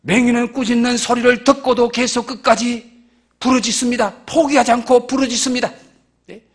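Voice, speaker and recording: Husky high-voiced preaching pastor. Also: male voice, steady tone, moderate pace. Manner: preaching with swings from soft murmurs to loud exclamations; asks the congregation repeated questions. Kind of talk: sermon.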